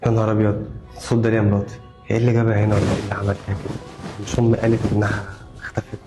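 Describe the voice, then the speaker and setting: A man's voice: lowish voice, flat delivery, rapid-fire, over music, natural voice. A man playing a young husband home from abroad, speaking urgently and reassuringly. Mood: shocked. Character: young husband back from abroad, protective son.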